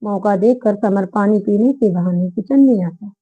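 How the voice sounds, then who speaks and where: A woman storyteller reading a romance story aloud in a steady, even narration. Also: mid-range voice, moderate pace, husky. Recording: phone-like narrow band audio.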